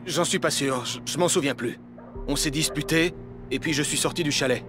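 A man's voice: a little high, moderate pace, over music, natural voice. A man playing a troubled writer searching for his wife, grave and guarded, in video game narration and dialogue. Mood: tense, urgent.

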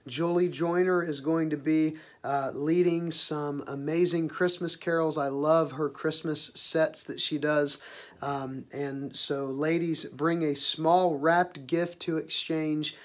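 Man, hoarse, slightly high pitch, enthusiastic church announcements, casual with fillers. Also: steady tone, slow pace. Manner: upbeat, enthusiastic, with frequent "uh" fillers. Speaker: church leader announcing events.

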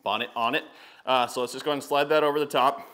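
Quick, bright, and forceful, this mid-range male voice keeps a fairly even intonation. The speaker, a car detailing channel host in his thirties, chats his way through a product test on a lapel mic, using frequent fillers. His casual review vlog hops from a garage workshop to the outside of a van to a hallway at home.

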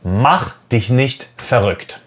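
A man's voice: medium pitch, lively intonation, slow, a little hiss or hum. A man who teaches English, giving direct, encouraging tips for an oral exam in a lesson video.

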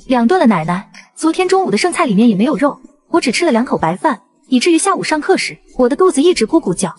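A woman's voice: big pitch swings, fast talker, a little mellow. A woman voicing a young schoolgirl who complains about unfair treatment. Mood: complaining. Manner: high and complaining. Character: young schoolgirl, hurt and plain-spoken.

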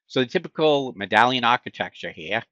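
A man's voice: medium pitch, lively intonation, fairly quick, sharp tone, dry recording. A middle-aged man with a Boston accent, teaching a screen-share tech tutorial in a conversational way, asking himself questions and answering them. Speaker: instructor. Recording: dull lo-fi sound.

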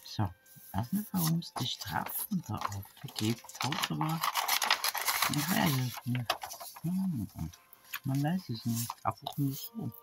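A woman's voice: a bass voice, animated, slow, creaky, very noisy. A woman opening an advent calendar gift, musing to herself and reading labels aloud, often half-whispered. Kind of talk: casual unboxing chat. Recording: soft background music.

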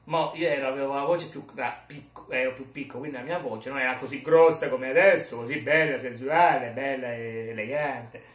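A man's voice: mid-range voice, steady tone, brisk, few pauses. A man vlogging in a rambling, jokey, self-mocking casual chat. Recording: roomy echo, mic far off.

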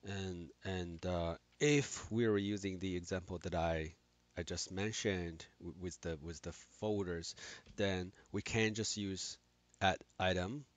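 A man explaining software in a screen-recorded tutorial, talking haltingly with many restarts and fillers. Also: sits low, fairly even intonation, dry recording. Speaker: instructor.

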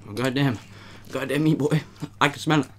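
A man's voice: mid-range voice, brisk, slight background noise. A young man hosting a casual eating video in an attic, talking in a slangy, laid-back way between bites. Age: young adult. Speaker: host. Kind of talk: casual mukbang chat. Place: small warm attic room, indoors.

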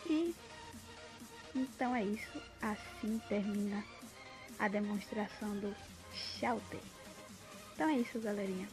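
A woman's voice: medium pitch, unhurried, pauses often. A Brazilian woman giving an unscripted demonstration of an app as a tutorial host. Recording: music playing behind the voice. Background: clear background music.

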